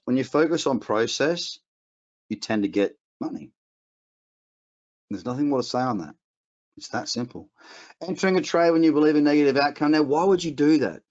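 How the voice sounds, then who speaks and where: A man's voice: fairly high pitch, normal speed, long pauses, a little mellow. A man with an Australian accent teaching a casual trading webinar, blunt and rambling, with frequent restarts. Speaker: trading educator. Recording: dull lo-fi webinar audio.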